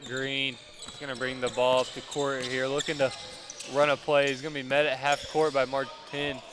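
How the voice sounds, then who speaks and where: A young man calling live high school basketball play-by-play, with quick calls that rise when big plays happen. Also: flat delivery. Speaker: play-by-play commentator. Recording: noisy gym ambience. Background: gym crowd and bouncing basketballs.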